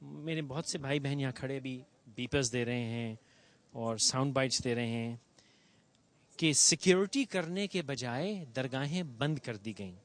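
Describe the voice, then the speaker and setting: Outdoors beside a bomb site, a male TV host gives an on-location monologue in a mid-range voice. His tone is earnest and grieving, and he drops English phrases into his speech.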